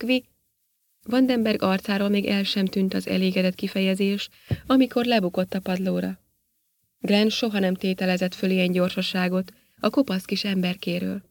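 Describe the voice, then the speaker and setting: A woman reads a science fiction story aloud in an even, steady storytelling manner. Her voice sits at a middle pitch. The sound is close and dry, with no room echo. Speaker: narrator. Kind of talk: audiobook narration.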